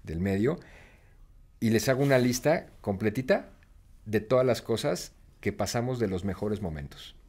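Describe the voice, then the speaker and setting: Mexican man, lowish voice, reflective guest who spurs listeners on. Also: expressive, normal speed, a little mellow. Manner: reflective, encouraging, urges listeners to act. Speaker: guest speaker. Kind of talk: casual conversation.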